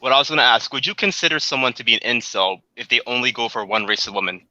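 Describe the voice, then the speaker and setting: Fast, sharp-voiced man on a call. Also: mid-range voice, no room sound. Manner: fast, pushy questioning. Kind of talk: casual group chat. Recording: dull lo-fi call audio.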